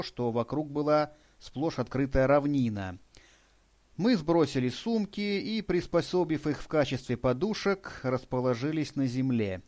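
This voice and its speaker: A man narrating an audiobook in a steady, even storytelling read. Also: mid-range voice. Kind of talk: scripted narration.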